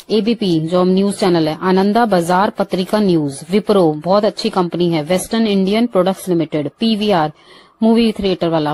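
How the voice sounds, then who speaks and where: A woman with an Indian accent teaching English vocabulary. She gives each phrase in Hindi, then says the English slowly and clearly. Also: fairly low pitch, darkish tone, dry recording. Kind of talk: vocabulary lesson.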